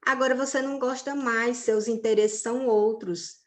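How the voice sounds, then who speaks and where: A woman's voice: a little high, fairly even intonation, moderate pace. A woman teacher giving an online religion class to teenagers, talking in a conversational way and often checking in with her students.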